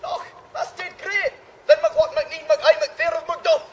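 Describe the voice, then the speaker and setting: Man shouting as a blustering mock-Scottish Macbeth. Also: extremely high pitch, big pitch swings, moderate pace, voice pushed up. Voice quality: loud shouty put-on brogue. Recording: live stage recording with audience noise.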